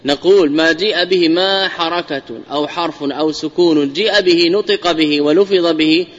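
A man giving a classical Arabic grammar lesson as a sheikh, speaking deliberately and repeating key phrases to drive definitions home. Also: on the high side. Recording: muffled lo-fi lecture audio with long hall reverb.

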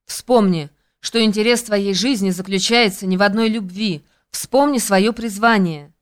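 A woman voicing an excitable, anxious young friend, exclaiming her lines in an audiobook. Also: medium pitch, measured pace, lightly acted. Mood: excited. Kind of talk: audiobook character reading.

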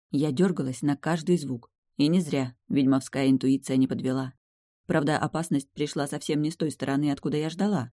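A woman narrating a first-person fantasy audiobook in a lively, expressive way. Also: low-pitched, no echo, studio quality.

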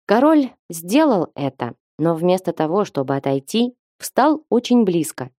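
A woman narrating an audiobook in a steady storytelling manner, recorded close to the mic. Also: on the low side, measured pace, no echo. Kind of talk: scripted narration.

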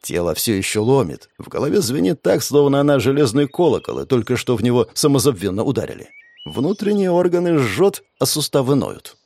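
Expressive male audiobook narrator. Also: medium pitch, a little fast. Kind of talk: scripted narration.

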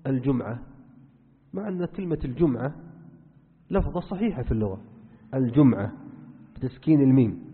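A man teaching a religious lesson as a sheikh, earnest and instructive, speaking straight to his listeners. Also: fairly high pitch. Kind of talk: religious lesson, explaining to students. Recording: phone-like band, long hall reverb.

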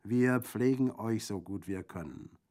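Voicing a Corsican bandit in an audiobook, a man speaks a little slowly in a warm, lowish voice with light acting. The bandit comes across as boisterous and exclamatory, full of gleeful, gruesome mockery, both urging and wry.

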